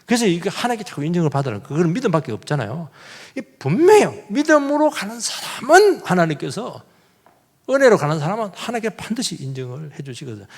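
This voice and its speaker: A man's voice: high voice, very animated, fast, gravelly, a little mellow. A man, a pastor, preaching a sermon, with rhetorical questions and acted-out quotes. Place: church sanctuary. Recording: long church hall reverb.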